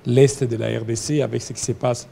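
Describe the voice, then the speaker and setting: Man interviewing, mellow voice. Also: mid-range voice, little pitch movement, gravelly. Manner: quick interjections, echoes answers. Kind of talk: casual interview. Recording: faint background noise.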